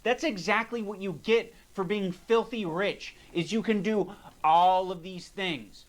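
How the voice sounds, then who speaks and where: A man's voice: high voice, a little slow. A man doing video commentary in an emphatic, blunt way, swearing as he makes his points. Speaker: reaction commentator.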